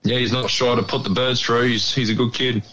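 Man, Australian accent, average pitch, casual chat, rambling, blokey, faint noise. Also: flat delivery, brisk, sharp tone, poor audio. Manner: blokey, rambling, peppered with "mate". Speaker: radio interview guest, pigeon club member.

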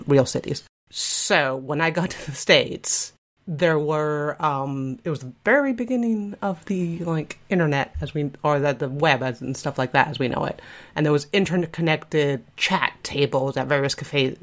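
A woman from Spain in her forties talks in a loose, chatty way, restarting her sentences as she goes. Her voice carries a lot of gravelly fry. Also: deep voice. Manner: rambling, chatty, self-interrupting. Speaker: podcast co-host. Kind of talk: casual conversational chat.

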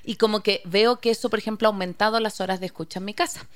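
Fast-talking woman podcast co-host. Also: medium pitch, steady tone, no room sound. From Chile. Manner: chatty, storytelling, quick. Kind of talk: casual podcast chat.

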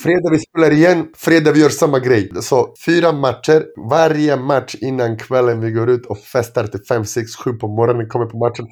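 Middle-aged man telling lively anecdotes. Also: mid-range voice, hardly any pauses. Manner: animated anecdotes with frequent restarts and "jag bara" quoting. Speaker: interview guest, former basketball player. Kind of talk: casual storytelling.

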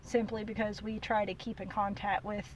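A woman's voice: mid-range voice, level tone, normal speed. Chatty woman, distant mic. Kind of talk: casual chat. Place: parked car. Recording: distant mic with faint ambient noise.

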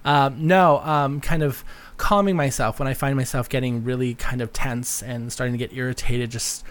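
A man's voice: medium pitch, fairly even intonation, normal speed, a bit bright. A man hosting a solo podcast in a casual, rambling, chatty way with a campy touch. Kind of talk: casual, rambling personal chat.

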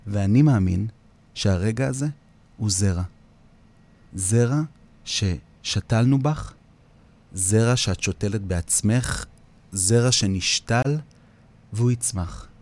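Israeli man, earnest interviewee, low voice, repeats lines for emphasis, reflective founder talk. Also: a little mellow. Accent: Israeli Hebrew. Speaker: founder of a community singing project.

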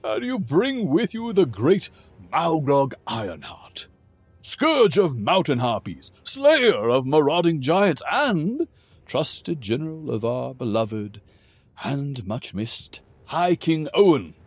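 High, loud, jolly dwarf king, storybook reading. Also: slow pace, slightly rough, dry recording, heavily acted. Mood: hearty welcome. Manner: booming, exuberant, excitable. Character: boisterous jovial male dwarf king.

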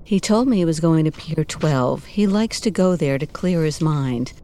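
Woman playing a mellow, soft-voiced femme fatale. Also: deep voice, animated, moderate pace. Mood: plaintive. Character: coy, sultry noir femme fatale, married woman client. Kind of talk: parody noir radio drama acting.

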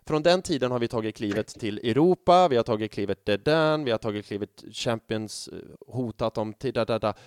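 A man in his thirties chatting casually on a fan podcast, telling stories in an animated way with plenty of swearing. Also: medium pitch, few pauses, clean tone, dry recording, studio quality. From Sweden. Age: 30s. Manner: animated storytelling with lots of swearing and fillers. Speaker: podcast co-host.

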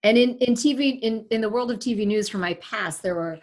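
Her voice is on the high side and fairly quick. She's a woman in her forties from Sri Lanka, a veteran broadcaster and podcast host, being interviewed remotely in a casual chat where she speaks candidly and emphatically, telling stories in an animated way.

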